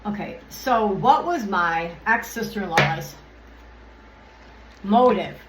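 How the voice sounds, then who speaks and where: This woman's medium-pitched voice is expressive and slow as she gives a casual card reading on her channel. She rambles, loses track of her thoughts, and swears often in an irritated rant. The echoey room has faint ambience, and the audio is very noisy.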